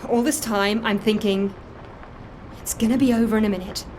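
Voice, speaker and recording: In a naturalistic audio drama, an actress plays an earnest, guilt-ridden woman who is secretly running a dead man's life, confessing and justifying herself in a matter-of-fact, confiding way. Her mid-range voice is steady, darkish, close to everyday speech, and set at a normal pace. The low-quality recording carries a little hiss or hum.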